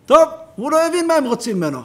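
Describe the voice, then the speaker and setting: A man who is a rabbi, giving a Torah lesson in a synagogue as an animated storyteller who acts out the characters in his stories. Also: extremely high pitch. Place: synagogue hall.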